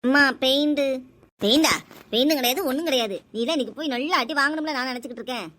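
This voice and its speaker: High-voiced scolding mother. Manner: scolding, nagging, loud and rapid. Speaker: mother in a family skit. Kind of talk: scripted family skit.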